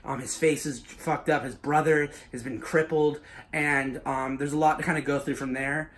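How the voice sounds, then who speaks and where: Swearing man with a higher voice, rambling. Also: steady tone, normal speed, fairly bright tone. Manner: loose, swearing, heavy with filler words. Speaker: YouTuber pitching his own fan story. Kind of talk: casual spoken story pitch.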